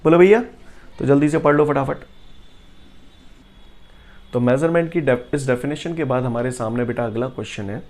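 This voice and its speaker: A man teaching a physics class in a jokey, teasing way, who keeps checking "clear?" his students. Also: moderate pace, long pauses. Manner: jokey, keeps asking "clear?" and "bolo bhaiya"; swings from low explaining to loud excited teasing. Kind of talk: classroom lecture.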